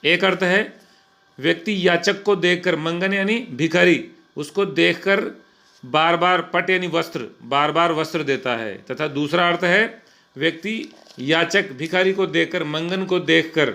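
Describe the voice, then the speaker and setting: A man teaching Hindi grammar, reciting verse slowly and then explaining each example. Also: a little high, vocal fry, sharp tone.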